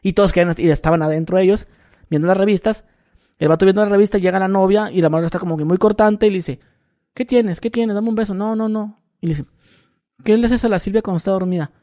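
A man's voice: sits high, quick pace, dark tone. A man in his thirties with a Mexican accent, telling a rambling story on a casual podcast and repeating his words. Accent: Mexican Spanish. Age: 30s. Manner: rambling, repeats words, acts out quoted voices. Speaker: podcast co-host.

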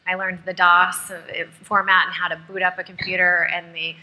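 A woman in her thirties talks thoughtfully on a panel, working out her words as she goes. Her voice is on the low side for a woman but very bright. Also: level tone, fairly quick, low-quality recording. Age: 30s. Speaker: panel guest. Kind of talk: panel discussion.

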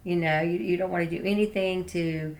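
A woman's voice: on the low side, fairly even intonation, a little fast. An older woman speaking as an interview guest in casual, earnest testimony, repeating phrases for emphasis.

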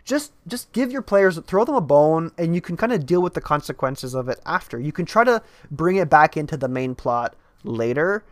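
A man chatting about running tabletop role-playing games, telling stories with lively energy and frequent restarts. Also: fairly high pitch, moderate pace, hardly any pauses, no room sound. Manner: animated storytelling, many restarts. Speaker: podcast co-host and game master.

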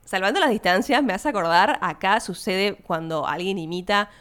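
A young Argentine woman, not from Buenos Aires, hosting a podcast and chatting casually about a film, laughing and speaking quick asides to her listeners. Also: medium pitch, fairly bright tone, clean tone. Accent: Argentine Spanish, not Buenos Aires. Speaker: podcast host.

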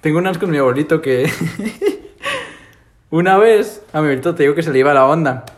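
Animated young Mexican man telling stories. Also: on the high side, normal speed. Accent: Mexican Spanish. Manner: slangy, animated, laughs often. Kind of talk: casual chat, storytelling.

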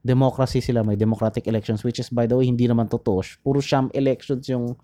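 A man casually talking through history, rambling and pausing to search for names, mixing English into his Tagalog. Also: mid-range voice, level tone, warm tone. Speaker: podcast co-host.

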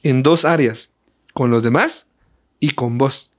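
A man's voice: medium pitch, slow pace. A man, hosting a casual faith podcast, reacting with short enthusiastic exclamations and asking questions. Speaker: podcast host.

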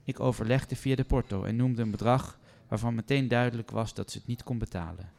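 Male storyteller, mid-pitched, calm and measured read-aloud. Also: gravelly. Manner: calm, measured, first-person telling.

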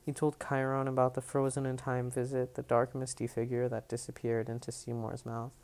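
Gravelly man reading a novel aloud. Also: mid-range voice, completely flat delivery, normal speed, darkish tone. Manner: reads plainly, breaks off with self-mocking asides. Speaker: audiobook reader. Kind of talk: casual fan reading of a novel.

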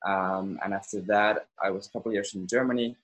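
An eighteen-year-old Finnish man with a lowish voice talks casually as a podcast guest in an interview chat. He speaks briskly but in a relaxed way, with lots of ums and hesitations, on a rough recording.

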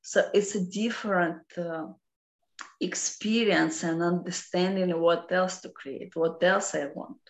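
A woman with a Russian accent explaining philosophical ideas off the cuff in halting non-native English. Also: on the low side, steady tone. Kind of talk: unscripted philosophical explanation in conversation. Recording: roomy, echoing sound.

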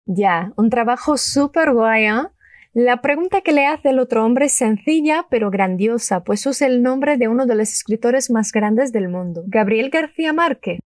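A woman teaching a Spanish lesson, upbeat and enthusiastic, saying model phrases slowly and clearly for learners to repeat. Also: on the high side, lively intonation, a little mellow, dry recording, clean studio sound. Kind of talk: language lesson with repeat-after-me drills.

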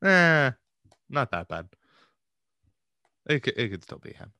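A man's voice: medium pitch, sing-song, slow pace, sharp tone, dry recording. A man co-hosting casual, humorous commentary with another host.

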